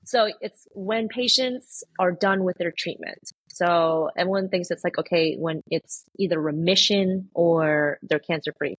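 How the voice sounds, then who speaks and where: Husky low-ish woman nurse rambling through stories, dry sound. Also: measured pace, few pauses, no echo. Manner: chatty storyteller, many fillers. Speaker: oncology nurse guest. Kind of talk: casual podcast chat.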